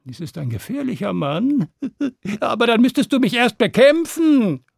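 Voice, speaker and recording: A man's voice: extremely high pitch, sing-song, measured pace, creaky, breathy edge, no echo, studio quality, pitched above the performer's own voice, exaggerated voice. A man voicing a scornful, mocking dragon in a children's fairy tale. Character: huge greedy male dragon, scornful then wary.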